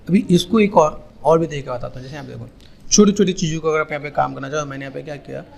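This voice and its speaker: A man giving a casual, repetitive software tutorial, pointing things out step by step. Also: a little high, racing, creaky. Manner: repetitive, keeps saying "here" and "okay". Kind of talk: casual screen-recorded tutorial.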